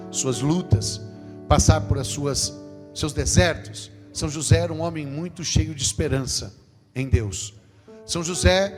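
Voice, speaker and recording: A man with a Brazilian Portuguese accent giving a parish sermon, lively and conversational, with jokes. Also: fairly high pitch. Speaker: lay preacher. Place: parish church. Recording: long church reverb with guitar music.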